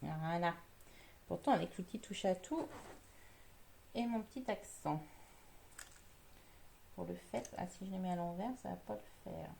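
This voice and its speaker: Woman, crafting demo host; mellow, slightly gravelly voice, chatty step-by-step delivery. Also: on the low side, measured pace, long pauses, a little hiss or hum. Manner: chatty, explains each step while working. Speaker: card-making demonstrator.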